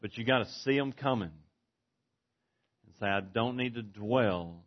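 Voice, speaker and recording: An earnest man preaching a sermon, his voice at an ordinary middle pitch. He swings from forceful emphasis to near-hushed delivery. The recording is dull and lo-fi. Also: unhurried. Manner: earnest, varies volume widely, from forceful to hushed.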